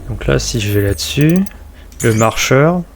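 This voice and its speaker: A man's voice: medium pitch, animated, measured pace. A man giving casual let's play commentary and reading on-screen game text aloud.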